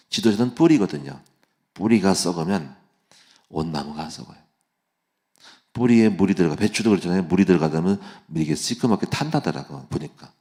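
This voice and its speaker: Deep-voiced man preaching casually. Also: a little mellow. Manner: casual, conversational preaching with plain speech endings and rhetorical questions; vivid storytelling that acts out quoted voices. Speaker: pastor. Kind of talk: early-morning church sermon. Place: church sanctuary.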